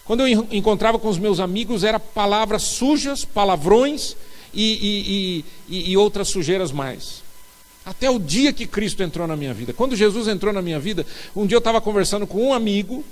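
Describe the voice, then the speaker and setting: A man's voice: high voice, lively intonation, fairly quick, low-quality recording. A middle-aged Brazilian man preaching a sermon as pastor, telling stories with acted-out dialogue and building emphasis. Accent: Brazilian Portuguese. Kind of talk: sermon to a men's group.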